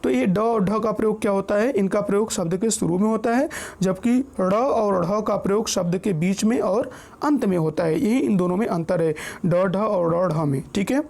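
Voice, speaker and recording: Guy teaching an exam prep lesson, kinda gravelly, mellow dark voice, keeps checking you're following. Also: sits high, moderate pace. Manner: patient, explains step by step and reads out lists of example words; checks in often with the listener.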